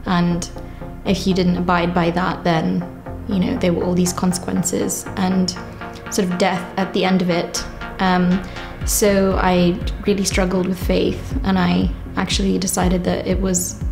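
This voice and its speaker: A young woman shares her faith story in a soft, lower, gravelly voice. She speaks in a reflective, unhurried way, pausing often. Her delivery stays fairly even in pitch, with faint music underneath. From Kenya. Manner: reflective, unhurried, with frequent pauses. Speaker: church member giving testimony. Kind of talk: personal testimony.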